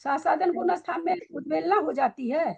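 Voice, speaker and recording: A woman's voice: sits high, normal speed, creaky, highs cut off. A woman teaching a scripture study class, quizzing and scolding her students with pointed questions.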